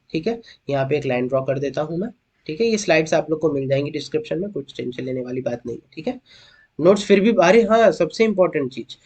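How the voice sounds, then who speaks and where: A man's voice: fairly high pitch, husky. A man teaching as a young chemistry tutor. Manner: coaxing students with questions, calls them beta; slows down to spell out formulas. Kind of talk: online lecture, explaining at a board.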